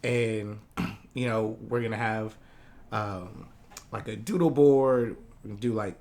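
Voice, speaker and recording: A man's voice: lowish voice, unhurried. Rambling man from Hawaii chatting. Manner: relaxed, rambling, many fillers. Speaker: guest artist. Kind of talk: casual interview chat.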